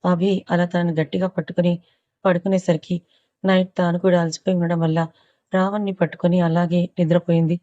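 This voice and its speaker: A woman reads a romance novel aloud in a low, dark, mellow voice that stays even and level. The sound is dry and a little muffled, close to the microphone. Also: brisk, no echo. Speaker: audiobook narrator.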